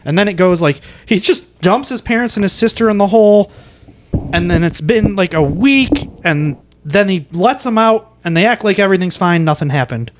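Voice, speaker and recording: Man, high voice, podcast co-host, rambling, teasing. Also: expressive, normal speed, a little hiss or hum. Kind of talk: casual movie chat.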